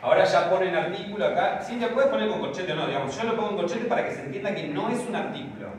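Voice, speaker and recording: A man lectures his class and keeps checking that they follow. His voice is somewhat high and swings widely in pitch. He is recorded from a distance in a very echoey room, with faint ambient noise behind him. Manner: lively explanatory, checks understanding with "¿sí?". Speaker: Greek teacher.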